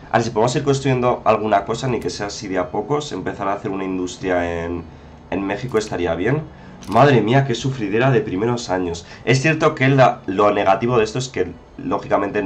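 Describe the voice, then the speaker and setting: Deep-voiced Spanish man narrating gameplay. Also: a little hiss or hum. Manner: chatty, exclaims often, addresses viewers as "chicos". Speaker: gameplay commentator. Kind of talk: casual strategy game commentary.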